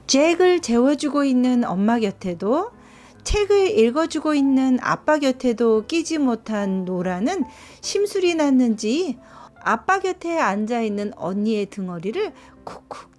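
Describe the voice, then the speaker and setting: A woman reading a children's picture book aloud and gently explaining it line by line. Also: a little high, very animated, unhurried. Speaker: storyteller. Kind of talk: bilingual storybook reading. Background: soft background music.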